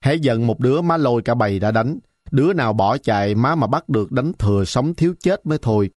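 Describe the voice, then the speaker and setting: Brief: male storyteller, mid pitch, dry close-miked read. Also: lively intonation, a little fast, a little mellow, no room sound. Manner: vivid, colloquial storytelling. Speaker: narrator. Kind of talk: storytelling narration.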